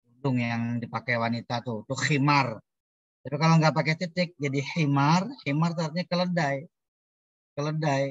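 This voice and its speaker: A man's voice: fairly high pitch, dry recording, highs cut off. A male lecturer teaching an online class, explaining step by step with lots of repetition and playful wordplay over video call audio. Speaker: Islamic studies lecturer.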